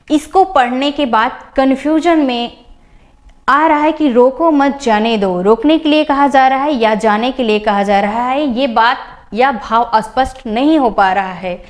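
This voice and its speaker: A woman teacher with a slightly high voice gives a grammar lesson over slides. She explains each point by repeating and rephrasing it, slowing down on her examples. When she lists items, she goes through them one by one in a measured classroom tone.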